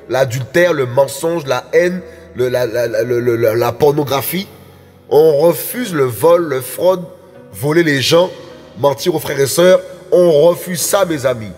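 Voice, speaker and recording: Male preacher, husky and fervent, repeats his points, long hall echo. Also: on the high side. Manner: emphatic, repetitive, addresses the congregation as friends. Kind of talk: sermon. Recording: echoey hall with faint music.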